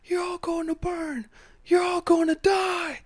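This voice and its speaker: Raging, desperate Sith warlord. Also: male voice, very high voice, level tone, measured pace. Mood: desperate rage. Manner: screaming, desperate pleading.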